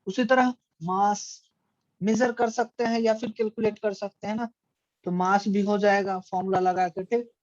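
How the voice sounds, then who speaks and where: A man's voice: high-pitched, fairly even intonation, normal speed, no echo. A man teaching an online physics class, asking the students questions and answering them himself. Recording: dry, dull lo-fi audio.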